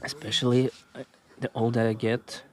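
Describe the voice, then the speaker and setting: Halting, soft-spoken man from Russia. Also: medium pitch, flat delivery. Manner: halting, searching for words with many pauses. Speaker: podcast guest. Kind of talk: casual conversation. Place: outdoors on a walking trail.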